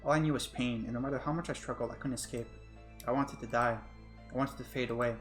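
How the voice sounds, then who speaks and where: A man's voice: medium pitch, steady tone, fast talker, faint music behind, lightly acted. A man voicing a young woman stuck in a time loop, narrating her despair in the first person. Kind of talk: narrating a game in character.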